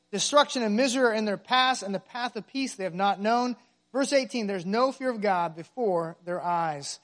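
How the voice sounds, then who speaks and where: Delivering a sermon from the pulpit, this man sounds like a middle-aged pastor; his voice is high and a bit bright. He stresses his words and repeatedly asks the congregation rhetorical questions.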